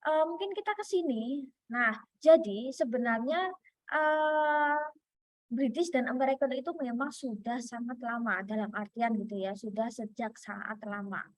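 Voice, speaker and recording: A woman lecturer from Indonesia talks her class through the lesson in a chatty way, with many fillers and restarts. Her voice sits somewhat high, and the sound is close and dry, with little room around it. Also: measured pace, dry recording. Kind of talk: online lecture.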